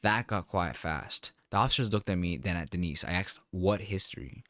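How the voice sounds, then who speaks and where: A man narrating a first-person story in a calm, wry, deliberate way. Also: sits low, dry recording.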